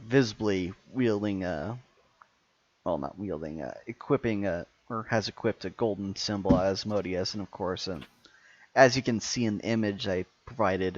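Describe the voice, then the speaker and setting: A male game master describes scenes and chats casually with players in a tabletop game. His voice is fairly low. The recording sounds a little dull and lo-fi. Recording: muffled, lo-fi mic.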